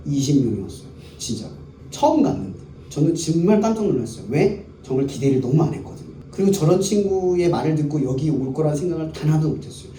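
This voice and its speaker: A male pastor preaches fast to a youth service in a fairly high, dark-toned voice with lively intonation. He keeps the audience engaged by asking questions and answering them himself. The worship hall is echoey, the recording is distant, and there is faint background noise.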